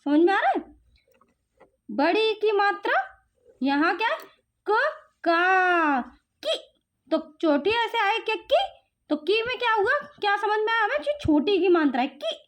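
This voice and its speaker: High-voiced patient Indian tutor woman. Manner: slow, patient drilling with repeated questions. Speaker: teacher. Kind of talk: home phonics lesson for parents.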